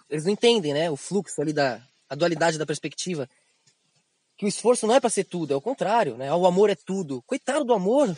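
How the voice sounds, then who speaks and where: High-voiced Brazilian man, animated spiritual talk. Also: no room sound. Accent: Brazilian Portuguese. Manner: animated, slangy, acts out quotes in raised voices. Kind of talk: esoteric spiritual monologue.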